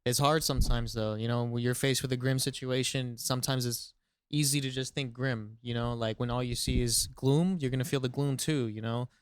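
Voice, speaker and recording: A laid-back man co-hosting a casual podcast, speaking in an easygoing, encouraging way. His voice is smooth and clear at a middle pitch, recorded close and dry. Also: fairly even intonation, fairly quick, dry recording. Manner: laid-back and encouraging, with frequent "you know". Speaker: podcast co-host.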